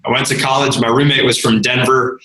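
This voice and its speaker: A man's voice: medium pitch, level tone, brisk, bright, forceful tone, roomy sound, low-quality recording. A man in his thirties from Rhode Island, a country radio DJ chatting easily as a guest and telling stories with frequent laughs. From Rhode Island, USA. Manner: easygoing storyteller, laughs often. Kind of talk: casual interview chat.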